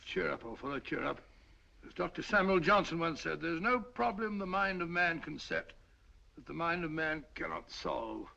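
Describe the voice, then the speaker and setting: An actor playing a loyal, bumbling older doctor sidekick in 1940s film style, hearty and fussy. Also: male voice, a little high, expressive, moderate pace, gravelly, sharp tone, slight background noise, exaggerated voice. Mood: cheery. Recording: dull lo-fi 1940s film soundtrack.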